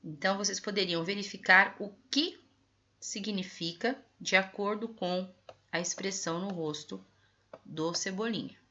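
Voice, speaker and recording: Slow, bright-voiced woman teacher. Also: mid-range voice. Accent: Brazilian Portuguese. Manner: slow, deliberate, stressing each phrase. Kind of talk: correcting textbook exercises for pupils. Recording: dull lo-fi recording.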